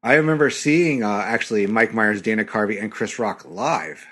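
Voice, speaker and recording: A man's voice: fairly low pitch, moderate pace, fairly bright tone. A middle-aged man co-hosting a casual movie podcast, telling rambling stories with many restarts and frequent laughter. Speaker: podcast co-host.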